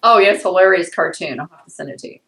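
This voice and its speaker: An older woman with a somewhat low voice talks through her memories in a session. She rambles and hesitates, often breaking into laughter. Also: racing, bright, forceful tone, low-quality recording. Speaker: client in a healing session.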